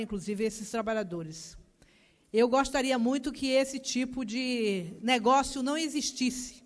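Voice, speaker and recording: A woman with a Brazilian accent speaking as a legislator in a formal parliamentary session, in a measured and deliberate manner. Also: a little high.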